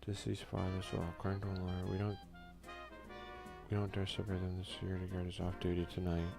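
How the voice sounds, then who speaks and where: Fast and completely flat, the host's low-pitched voice carries vocal fry as he runs a casual ASMR let's play with music behind him. He talks informally, reads out game text, and mutters slangy comments as a gaming video host.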